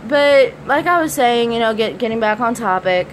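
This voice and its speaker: High-voiced preppy American woman vlogging. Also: animated, normal speed, rough recording. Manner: preppy-sounding, blunt, sweary. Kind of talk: casual personal vlog talk. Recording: faint background noise.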